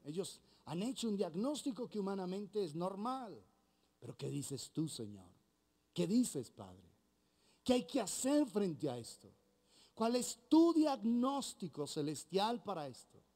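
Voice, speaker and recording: A man's voice: sits high, darkish tone. A man with a Colombian accent preaching a sermon as pastor, acting out bits of dialogue. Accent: Colombian Spanish.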